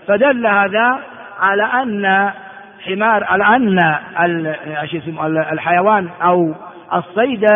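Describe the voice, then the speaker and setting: High-voiced sheikh teaching in an echoing hall. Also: male voice. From Ethiopia. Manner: explanatory, repeats and glosses phrases, frequent filler words. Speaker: religious teacher. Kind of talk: classroom lecture explaining hadith text. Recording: tinny lo-fi recording with long hall reverb.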